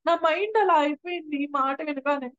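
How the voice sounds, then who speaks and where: A woman's voice: high-pitched, brisk, no room sound, lo-fi sound. A young woman giving an earnest personal testimony at a prayer house, often repeating and restarting her phrases. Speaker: church testimony speaker.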